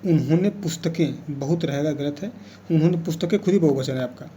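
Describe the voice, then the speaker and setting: A man's voice: fairly high pitch, brisk, mellow, slight background noise. A man teaching an exam revision lesson, explaining patiently and repeating key words as he goes.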